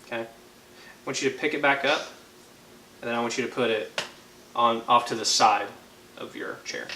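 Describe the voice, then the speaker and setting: A man's voice: medium pitch, moderate pace, bright, forceful tone. A young man teaching a one-on-one brass lesson, patient and checking in with frequent okays. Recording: echoey room, faint ambient noise.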